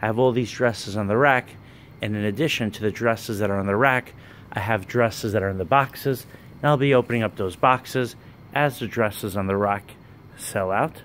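A man, running a wholesale business, giving a plain walkthrough sales pitch in a warehouse, listing items one by one while filming on a handheld phone. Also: moderate pace, a bit bright, slight background noise. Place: indoor warehouse with dress racks. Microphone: handheld phone camera, speaker off screen.

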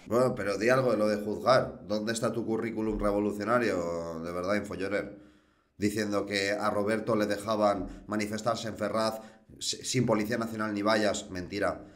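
A man's voice: lowish voice, fairly even intonation, normal speed. A man, hosting a show and rebutting a rival in a combative, scolding, mocking tone. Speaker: host. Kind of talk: reaction rebuttal.

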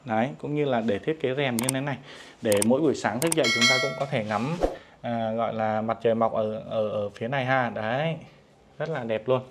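A man in the middle of a walking tour of a property, talking to viewers in a polite, deferential way and filling pauses with hesitations. His voice sits at an ordinary pitch and is picked up outdoors on a handheld phone, with a faint hiss and the sound of the open air behind him. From Vietnam. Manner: polite and deferential, frequent fillers, addresses viewers respectfully. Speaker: real estate agent giving a property tour. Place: outdoors at a riverside farm resort.

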